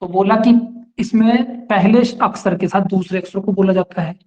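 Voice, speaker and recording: Male teacher, high pitch, patient step-by-step exam-prep lecturing, muffled lo-fi recording. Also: normal speed, warm tone. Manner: explains step by step and checks that students follow.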